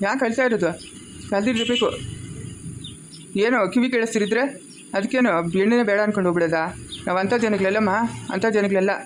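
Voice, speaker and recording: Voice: medium pitch, a little hiss or hum, lightly acted. An actor playing a kindly older village father-in-law who consoles people, with a Chikkaballapur Kannada accent. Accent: Kannada of the Chikkaballapur region. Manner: soothing, consoling.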